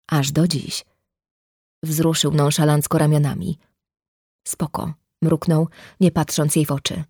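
A woman's voice: low-pitched, mellow, no echo, clean studio sound. A woman reading a novel aloud as an audiobook narrator, voicing every character herself with small shifts of tone. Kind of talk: scripted narration.

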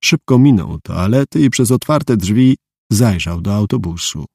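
A man's voice: lowish voice, lively intonation, measured pace, vocal fry, darkish tone, husky, dry recording. A man narrating an audiobook in a dry, matter-of-fact storytelling manner. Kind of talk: scripted narration.

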